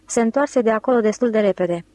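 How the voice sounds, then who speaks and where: A woman reading a novel aloud as an audiobook narrator, in a steady, even voice on a close mic. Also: on the high side, no room sound, low-quality recording. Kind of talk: scripted narration.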